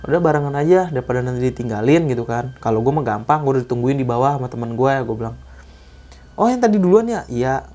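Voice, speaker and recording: A young man tells a spooky story in casual slang. His voice is mellow and warm, sitting at a middle pitch. He brings the quoted dialogue to life as he goes. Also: expressive, quick pace. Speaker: guest telling a true hiking ghost story.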